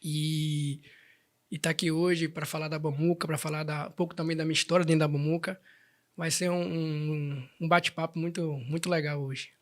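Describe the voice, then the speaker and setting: A man's voice: a little high, flat delivery, normal speed. A man, chatting as an interview guest and telling his story with many restarts. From Salvador, Bahia, Brazil. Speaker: guest, band president. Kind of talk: casual interview chat.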